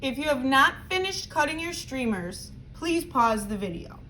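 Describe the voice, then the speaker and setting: High-pitched woman teacher instructing young children. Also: sing-song, moderate pace, bright, forceful tone, poor audio. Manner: simple, instructive, addressing children directly. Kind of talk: step-by-step craft instruction for children. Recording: clear background noise.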